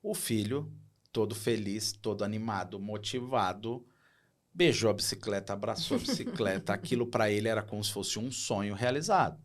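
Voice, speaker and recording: This podcast guest, a middle-aged operations director, speaks fairly low at a moderate pace. He narrates a story with real feeling, bringing its characters to life by acting out their dialogue.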